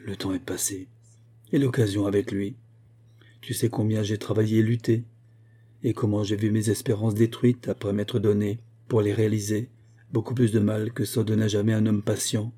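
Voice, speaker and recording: A man's voice: on the low side, flat delivery, moderate pace, dark tone, lightly acted. A male audiobook reader voicing a weary aging father who speaks in a somber, brooding way.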